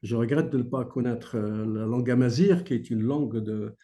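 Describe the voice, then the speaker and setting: Reflective man from Algeria, mellow voice. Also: medium pitch, moderate pace. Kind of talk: webinar panel talk.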